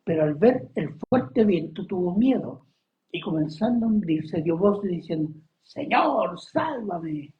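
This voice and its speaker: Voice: medium pitch, lively intonation, moderate pace. A Chilean preacher giving a conversational Bible study sermon, who keeps asking the audience questions and coughs often. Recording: dull lo-fi recording.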